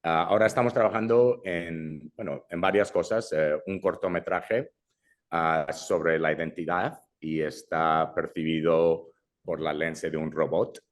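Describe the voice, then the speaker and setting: Deep and measured, his voice stays fairly even in intonation. He is a young filmmaker from Brazil, raised in Madrid, speaking casually as an interview guest and frequently restarting his lines with English fillers thrown in.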